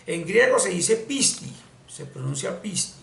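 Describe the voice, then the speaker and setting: A man with a deeply gravelly, creaky voice gives a slow, deliberate lesson, repeating key words as he explains. His pitch sits a little high and moves a lot. He sounds distant from the mic, in a roomy space with a faint hiss behind him. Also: very animated. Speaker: spiritual teacher. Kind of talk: explanatory screen-share lesson.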